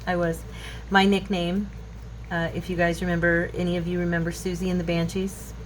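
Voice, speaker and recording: A craft channel host in her fifties rambles a little fast through a tutorial at her home craft table, thinking aloud as she works. Her low-sitting voice shows little pitch movement, and background noise is clearly present in the recording.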